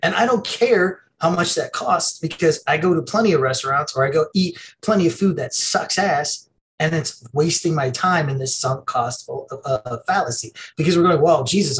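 A middle-aged man co-hosts a podcast, rambling through casual chat, swearing freely, and laughing a lot. His voice is fairly high and fairly bright, at a normal speed. The audio is poor, with a bit of hiss or hum.

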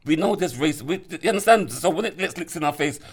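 A man's voice: fairly high pitch, expressive, fast, crowd noise. A man, talking in slang in casual podcast banter. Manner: street slang. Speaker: podcast panellist.

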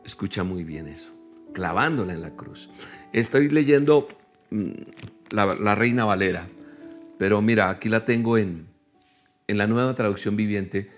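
A man with a low voice preaches a livestreamed sermon. He is earnest and talks straight to his listeners, repeating key phrases to drive them home. Soft music plays faintly behind him. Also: normal speed. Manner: addresses listeners directly. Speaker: pastor.

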